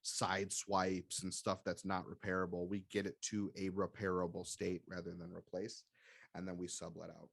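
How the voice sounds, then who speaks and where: Man, very low pitch, hesitant, casual business podcast talk, dry sound. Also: level tone, normal speed, gravelly, a bit bright, no room sound. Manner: hesitant, many restarts and fillers. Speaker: business owner co-hosting a podcast.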